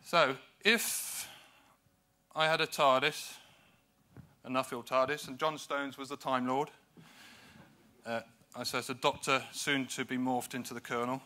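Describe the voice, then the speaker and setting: A man's voice: medium pitch, steady tone, a little slow, pauses often, pushed and bright. A man from the United Kingdom giving a conference presentation, with dry, self-deprecating humour and hesitant fillers between points. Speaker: conference speaker.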